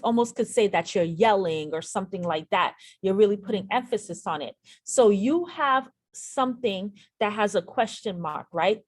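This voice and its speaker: A woman's voice: medium pitch, no room sound. A woman teaching a nursing exam lesson over a screen share, speaking straight to her viewers and repeating the key points for emphasis. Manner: addresses viewers directly.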